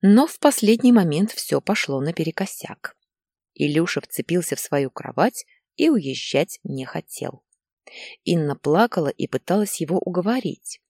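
A woman narrating a story in an even, measured way. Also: on the low side, husky, no echo, clean studio sound. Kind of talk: audiobook narration.

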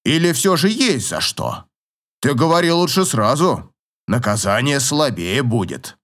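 A man voicing a gruff, teasing old professor in an audiobook, grumbling and chuckling in a slow drawl. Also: medium pitch, very animated, fairly bright tone. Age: older.

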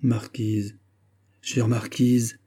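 A man's voice: mid-range voice, little pitch movement, very slow, warm tone, husky. A man playing a gallant nobleman, an ardent suitor who speaks in pleading courtly phrases.

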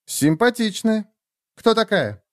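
A man's voice: sits high, big pitch swings, no echo, clean studio sound, pitched above the performer's own voice, full character voice. A man voicing a brash, nervous young woman who turns crude and angry, in a read-aloud story. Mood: nervous teasing. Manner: mocking, crude, quick to anger.

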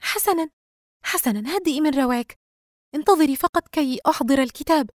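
A bewildered young woman friend voiced by a woman reader, pitched up high and sounding worried and breathless. The audiobook reading is close and dry. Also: lively intonation, brisk, dry recording. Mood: anxious.

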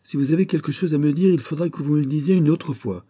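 A man voicing a proud young society woman, speaking in a crisp, disdainful and impatient way. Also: mid-range voice, expressive, brisk, mellow. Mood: cool disdain.

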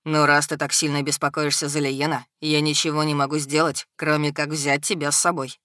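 A woman's voice: fairly quick, dry recording. Woman voicing a cool commanding dragon man. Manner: low, even, dry delivery. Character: stern powerful male dragon, cool and commanding.

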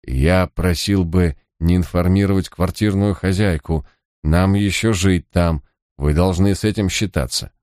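A bitter, indignant suspect in an audiobook, as a male reader puts him on. His low voice thins into a peevish, resentful complaint. The sound is close and dry, with no room around it. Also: steady tone, measured pace, a little mellow, no room sound. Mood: glum, guarded. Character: irritable indignant suspect, bitter middle-aged man. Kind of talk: audiobook character reading.

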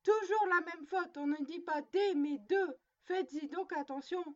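A woman's voice: very high-pitched, normal speed, fairly bright tone, dull audio. A woman voicing a little girl who scolds her doll in a stern, motherly way. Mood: scolding.

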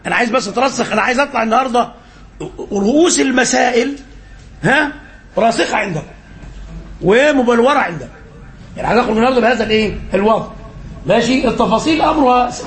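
Fast-talking Egyptian sheikh teaching. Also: male voice, extremely high pitch, lively intonation. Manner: quizzing listeners and filling in answers; repeats phrases for emphasis. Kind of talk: Islamic lesson.

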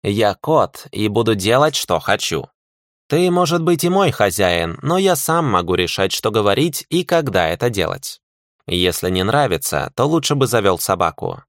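A man's voice: on the low side, sing-song, moderate pace, no echo, studio quality. A man voicing a rude, centuries-old male talking cat in an audiobook, haughty and sarcastic. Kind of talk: audiobook character voice.

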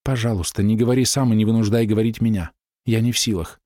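A man voicing a gentle, grieving young woman in love, read softly and pleadingly in an audiobook. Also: fairly low pitch, steady tone, fast, dry recording, studio quality, close to an everyday voice. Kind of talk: audiobook dialogue read by narrator.

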